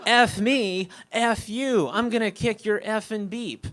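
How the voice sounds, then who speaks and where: A man's voice: high voice, very animated, a little slow, voice pushed up. A man quoting a drunk, belligerent man in a wheelchair, with profane threats, in a live storytelling set. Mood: threatening.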